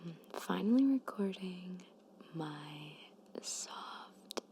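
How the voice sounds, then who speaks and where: Soft-spoken woman, slow breathy near-whisper. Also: on the low side, expressive, a little hiss or hum. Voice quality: slightly hoarse. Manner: hesitant, self-conscious, informal. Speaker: ASMR creator. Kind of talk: soft-spoken ASMR, rambling chat and reading facts. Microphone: microphone at close to moderate distance.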